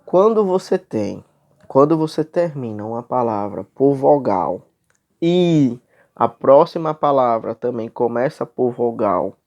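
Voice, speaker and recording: A man with a Brazilian accent teaching a high school class, explaining step by step and often checking in with his students. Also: lively intonation, measured pace, a little mellow, dull audio. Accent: Brazilian Portuguese. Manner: explanatory, checks in with frequent tags. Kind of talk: classroom lecture.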